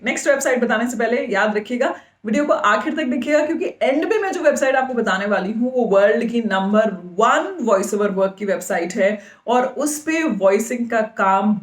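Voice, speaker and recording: A woman with a slightly high voice hosts a podcast and gives advice in a casual way. She explains each point step by step and spells names out letter by letter. Her voice rings in an echoey room. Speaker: podcast host.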